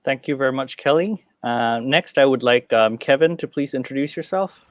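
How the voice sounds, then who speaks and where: A man's voice: medium pitch, moderate pace, no room sound, studio quality. A young man from Thailand moderating an online panel, friendly and a bit hesitant, with frequent ums.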